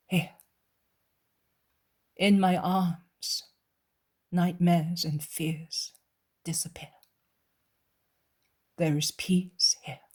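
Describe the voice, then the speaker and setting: A woman voicing a gentle, calm Jesus in a soft, hushed, tender way. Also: fairly low pitch, husky.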